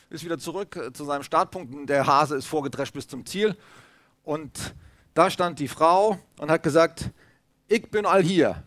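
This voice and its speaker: A man's voice: mid-range voice, fairly bright tone, dry recording. A man from Hamburg, preaching a chatty, story-filled sermon with many asides and fillers. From Hamburg, Germany. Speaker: pastor.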